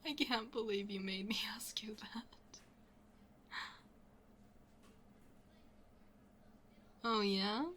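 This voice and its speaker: A woman playing a smitten young best friend in an intimate ASMR roleplay, speaking softly and hesitantly, often half-whispering. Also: medium pitch, normal speed, a little hiss or hum, close to an everyday voice. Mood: playful, happy. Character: smitten young best friend, shyly confessing, playfully teasing.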